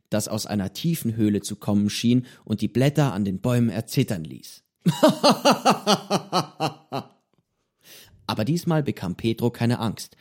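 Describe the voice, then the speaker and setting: A man narrating a story aloud in a scripted, expressive storybook reading. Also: medium pitch. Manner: expressive, voices the characters. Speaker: audiobook narrator.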